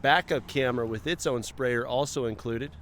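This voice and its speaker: A man's voice: mid-range voice, moderate pace, a bit bright, slight background noise. A man giving a casual, chatty walkaround of a car for a dealership, making offhand remarks to himself as he moves from outside the car to its cabin. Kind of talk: casual vehicle walkaround narration. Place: outdoors around a car, then inside it.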